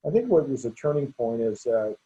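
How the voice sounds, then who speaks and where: Very animated and brisk, a sixty-something veterinarian answers questions in a conversational interview with a mellow, mid-range voice. He speaks openly, stuttering with repetitions and restarts, and the recording sounds dull and lo-fi.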